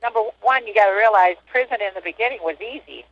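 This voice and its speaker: A woman's voice: mid-range voice, quick pace. A woman in her sixties, an inmate, recalling her past in plain, matter-of-fact talk over a muffled prison phone line. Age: 60s. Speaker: inmate interviewee. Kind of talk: casual recollection. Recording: dull lo-fi phone call.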